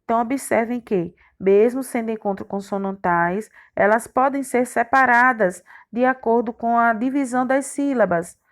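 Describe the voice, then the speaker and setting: A woman's voice: fairly high pitch, normal speed, few pauses. A woman teacher, giving a recorded grammar lesson to young children and spelling out letters and syllables one by one. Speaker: primary school teacher.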